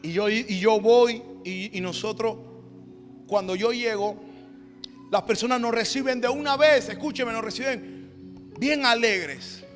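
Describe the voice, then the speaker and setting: A man, a pastor telling a story in a sermon and building to loud, emphatic calls. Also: very high voice, unhurried. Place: church hall. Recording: reverberant church hall with soft music.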